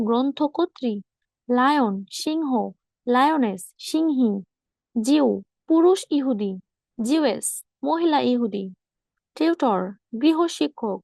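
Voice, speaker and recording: High-voiced woman teaching grammar. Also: no echo. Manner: measured, steady, list-like delivery. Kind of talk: instructional reading of word lists.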